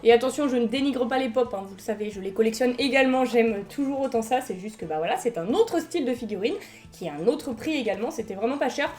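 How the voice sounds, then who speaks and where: A woman's voice: on the high side, lively intonation, fast talker, darkish tone, faint music behind. A young French woman chatting enthusiastically as she unboxes collectible figurines in a casual vlog. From France.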